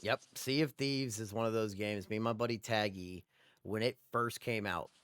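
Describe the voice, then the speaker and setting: Male podcast co-host, low voice, dry close sound, eager storytelling. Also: a bit bright, clean tone, no echo. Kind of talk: casual podcast chat.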